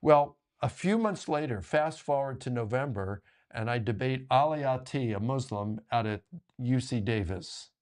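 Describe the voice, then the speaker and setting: In a casual discussion, a guest author with a mid-range voice tells stories in a lively, animated way, sprinkling in quick asides.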